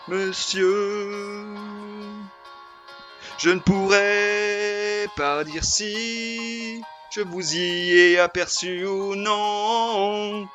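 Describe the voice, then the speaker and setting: A man singing as a prim, bright-voiced lady. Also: sits high, heavily acted. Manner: sings stiff formal lines to a show tune. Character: prim married woman in an absurd play. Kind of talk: sung comic parody of theatre lines.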